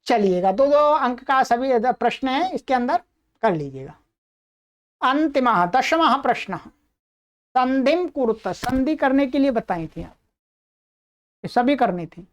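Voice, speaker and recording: Woman teaching sanskrit, patient and explaining, high voice, takes it slow word by word. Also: expressive. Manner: patient and explanatory, often checking in with "ठीक है"; reads translations and sandhi examples slowly, word by word. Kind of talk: recorded lesson going over an answer sheet.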